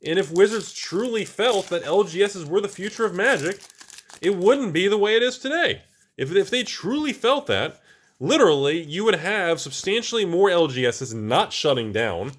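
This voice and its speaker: A man's voice: a little high, moderate pace. A man hosting his channel, giving rambling casual commentary while he opens card packs, exclaiming often. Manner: animated and exclaiming, rambling with restarts. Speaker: channel host.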